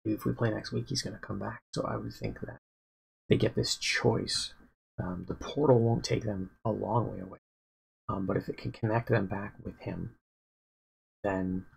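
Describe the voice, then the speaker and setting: Very gravelly, husky-voiced man thinking aloud. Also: lowish voice, a little mellow, low-quality recording. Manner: rambling, halting, many fillers and restarts. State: sleepy. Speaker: dungeon master planning a campaign. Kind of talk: casual livestream, thinking aloud.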